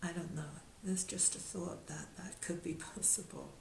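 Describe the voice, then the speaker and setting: A woman spiritual teacher telling a story in a soft-spoken, reflective way, halting with pauses. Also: lowish voice, steady tone, gravelly. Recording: echoey room with faint hiss.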